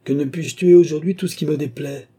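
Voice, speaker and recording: A capricious young countess, put on by a male reader snaps in a petulant, raised voice, pitched well above his own. The tone stays dark and slightly husky. It is an old-style storybook reading. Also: steady tone, fairly quick. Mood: furious. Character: capricious young woman, a spoiled angry countess.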